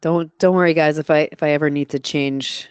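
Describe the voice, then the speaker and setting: In a dry recording, a low-pitched woman talks a little fast with a clean tone and fairly even intonation. Her voice is made for radio, and she answers questions as a guest expert in a live webinar. She explains her methods step by step in a practical way, sometimes correcting herself.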